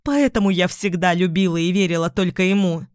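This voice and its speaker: A distraught young queen, swinging between sobbing pleas and sharp commands, her voice climbing when she breaks. An audiobook narrator acts her out in a dry, close read. The delivery stays mid-pitched between outbursts. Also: fairly even intonation, unhurried, dry recording, lightly acted. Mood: accusing. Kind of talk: audiobook character reading.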